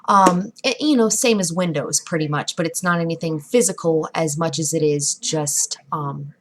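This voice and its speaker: Vlogging from her computer desk at home, a woman offers casual how-to tips to camera in a low voice at normal speed. She rambles chattily with lots of fillers and restarts, recorded on the camera mic against a noisy background.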